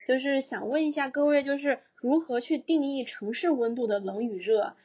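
A woman's voice: on the high side, darkish tone, slightly rough, muffled recording. A woman hosting a casual panel chat, putting questions to the guests in an inquisitive way. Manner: inquisitive, posing questions to the group. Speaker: podcast host, moderator.

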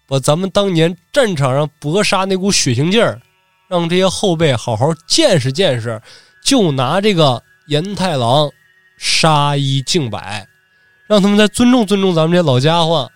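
A man's voice: fairly high pitch, expressive, normal speed, dry recording, soft background music, natural voice. A man doing a coaxing old veteran samurai. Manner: coaxing, nostalgic.

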